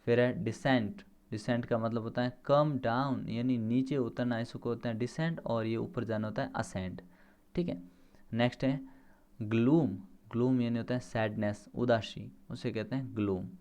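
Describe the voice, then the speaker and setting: A man's voice: mid-range voice, steady tone, normal speed, a little mellow. A male teacher with an Indian English accent runs through a vocabulary list, stressing each new word and then explaining it plainly. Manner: spells words out letter by letter.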